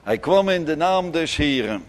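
A man preaching a sermon in church, emphatic, with sudden loud declarations and soft, gentle asides. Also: on the high side, lively intonation, normal speed. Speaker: pastor.

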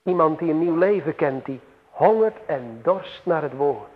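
A man preaching a sermon slowly and solemnly, with emphatic swells and long pauses. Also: on the high side, expressive. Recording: tinny phone-like radio broadcast with long hall reverb.

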